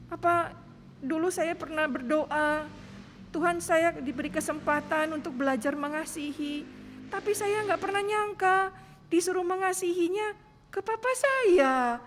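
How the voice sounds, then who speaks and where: A woman's voice: extremely high pitch, measured pace, a little hiss or hum, voice pushed up. A woman voicing a troubled young daughter who asks exasperated, pleading questions. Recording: long church reverb.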